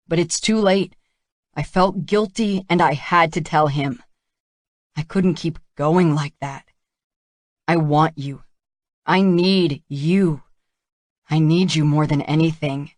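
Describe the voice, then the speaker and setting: Woman doing a determined man in love, insistent, forceful, low slow voice, dry sound. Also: dry recording. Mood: impassioned.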